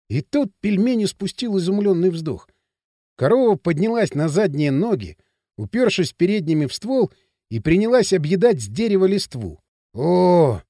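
A male audiobook narrator telling the story in an even, measured way. His voice is fairly high and moves around a lot, and the recording is close and dry. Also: dry recording. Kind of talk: scripted narration.

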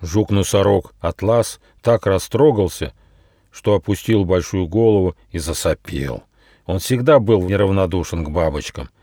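A man narrating his own children's fairy tale, expressive and playful. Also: deep voice, normal speed, dry recording, clean studio sound. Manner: expressive, switches into many character voices. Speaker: author reading his own book. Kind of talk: storybook narration with character voices.

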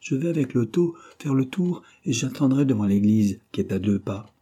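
A man's voice: medium pitch, animated, moderate pace, dark tone, husky. A man voicing an eager, obliging young chauffeur who speaks helpfully and deferentially.

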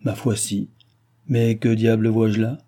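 Guy reading a lazy teasing old king, husky low voice, audiobook. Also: flat delivery, slow, mellow. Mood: bantering. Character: aging bored male king, idle and teasing.

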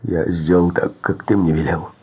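A man reading an audiobook, voicing a whiny, cowardly henchman in a higher, louder, plaintive voice. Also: steady tone, normal speed, breathy edge, exaggerated voice. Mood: whining. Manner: whining, pleading. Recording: tinny phone-like sound.

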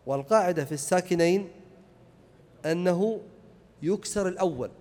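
Male grammar teacher, high voice, patient and repetitive, hall echo. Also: moderate pace, darkish tone. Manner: repeats key points, checks students understand. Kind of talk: explaining a grammar lesson. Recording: echoey hall reverb.

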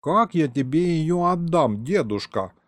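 Male reader as a drawling green alien glutton, slow and easygoing. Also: medium pitch, wildly swooping pitch, a little mellow, dry recording, studio quality. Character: slow green big-eared creature, good-natured glutton.

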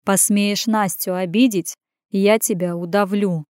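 A woman voicing a gruff grown man who answers curtly and grumbles, in an audiobook, in close to her own reading voice. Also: mid-range voice, fairly even intonation, measured pace, no echo, lightly acted. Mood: grumbling. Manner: curt and grumbling. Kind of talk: audiobook character voice.

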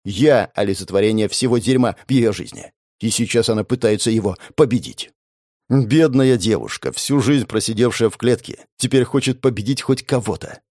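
A man's voice: lowish voice, moderate pace, darkish tone, dry recording. Man narrating an audiobook, dry close sound. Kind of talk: first-person audiobook narration.

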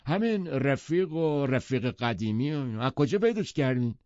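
A man's voice: medium pitch, darkish tone, no room sound, pitched above the performer's own voice, close to an everyday voice. A male audiobook narrator voicing a curt, domineering grown man who sneers at the others, in a dry, muffled recording. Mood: irritated. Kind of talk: audiobook character voice.

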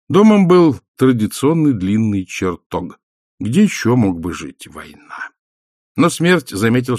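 A man narrating an audiobook in an expressive, storytelling manner. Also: on the low side, dry recording, clean studio sound. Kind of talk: scripted narration.

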